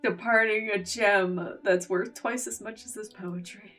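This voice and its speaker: A woman's voice: medium pitch, steady tone, unhurried, a bit bright, recorded from a distance, soft background music. A woman streamer reading a game's story aloud, with casual joking asides. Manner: reads narration aloud, breaks into laughing asides. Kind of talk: game reading and reaction.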